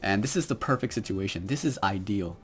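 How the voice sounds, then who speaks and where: Hesitant young man, low voice. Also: expressive, a little fast, soft background music. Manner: quiet, hesitant, many fillers. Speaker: Pokemon battle commentator. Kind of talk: game commentary.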